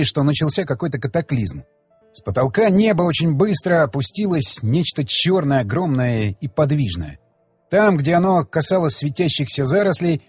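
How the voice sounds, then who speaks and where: A man narrates an audiobook in the first person, telling the story with expressive emphasis. His voice is somewhat high and husky with a very lively melody. The sound is dry and close, with faint music underneath. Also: no room sound.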